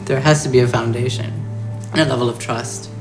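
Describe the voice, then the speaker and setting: In a documentary interview set against a soft music score, a young man from South Florida in the United States speaks reflectively and earnestly. His voice is medium in pitch and steady in tone, and his pace is a little fast.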